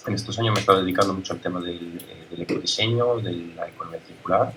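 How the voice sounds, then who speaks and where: An Italian man, a native Italian speaker, giving a conference talk as a guest speaker, halting, with many fillers and restarts. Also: deep voice, a bit bright, a little hiss or hum, rough recording. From Italy.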